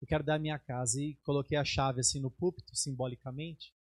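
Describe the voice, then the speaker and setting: Preaching as a bishop, a middle-aged Brazilian man tells his personal testimony with animated storytelling, voicing the dialogue at a raised pitch in Brazilian Portuguese. He speaks at a quick pace with a breathy edge. The studio sound is clean and free of echo.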